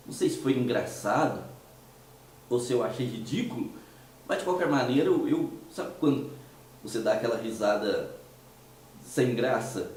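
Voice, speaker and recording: A man from Minas Gerais, Brazil, with a Mineiro Brazilian Portuguese accent, hosts a commentary show, giving a casual monologue at a relaxed, unhurried pace. Hoarse from a cold, his medium-pitched voice is dark and mellow, with rhetorical questions and hesitant restarts. He sits far from the mic in a very echoey room with faint noise beneath.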